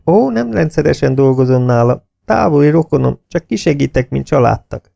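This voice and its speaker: A man voicing a young woman in an audiobook, raising his pitch for her lines. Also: animated, vocal fry, dark tone, no echo, muffled recording. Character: young woman, anxious but cooperative.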